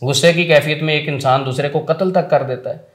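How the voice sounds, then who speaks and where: A man's voice: on the high side, fairly even intonation, brisk, reverberant. A man speaking as a spiritual healer on a religious talk show, explaining earnestly in numbered points and quoting sayings.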